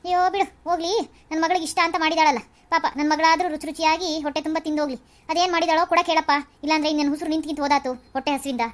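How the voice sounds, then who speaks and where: A woman's voice: high-pitched, steady tone, racing, few pauses, lightly acted. Woman doing a nagging old mother-in-law. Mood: self-pitying. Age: older. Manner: scolding, complaining, dramatic sighs. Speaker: cartoon voice actor. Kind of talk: cartoon serial acting.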